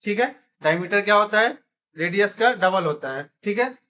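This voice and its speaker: High-voiced male teacher quizzing a class. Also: expressive, moderate pace, pushed and bright, muffled recording. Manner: keeps quizzing students with repeated questions. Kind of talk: classroom math lesson.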